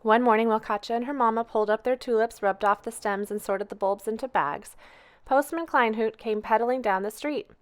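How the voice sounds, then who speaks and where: A woman reading a children's storybook aloud in a gentle, expressive, unhurried way. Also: on the high side. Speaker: storytime reader.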